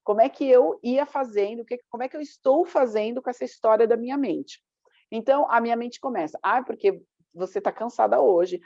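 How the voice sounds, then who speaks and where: A woman's voice: on the high side, fairly quick, mellow, no room sound. A woman coaching in a casual, chatty way, acting out her own inner voice. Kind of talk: casual motivational talk. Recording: dull dry lo-fi sound.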